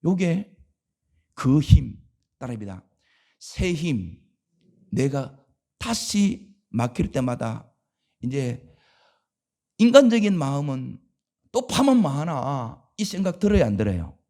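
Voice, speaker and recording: A middle-aged male pastor preaches at a dawn service, his dark, husky voice gravelly at the edges. He throws rhetorical questions at the congregation. His pitch leaps wildly between booming highs and near-whispered lows. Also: big pitch swings, takes it slowly, pauses often. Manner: swings between loud exclamations and hushed asides. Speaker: senior pastor. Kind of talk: dawn revival sermon.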